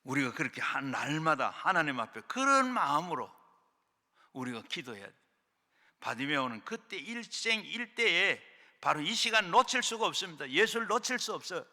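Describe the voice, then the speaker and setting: A middle-aged male pastor preaching a fervent sermon, swinging between loud shouts and hushed low lines, at a prayer retreat hall. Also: sing-song, moderate pace.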